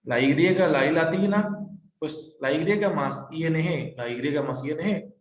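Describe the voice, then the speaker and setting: A man's voice: on the high side, a little slow, slight background noise. A man teaching a grammar lesson, patient and repetitive, spelling out letters one by one. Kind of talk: recorded classroom explanation. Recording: echoey room.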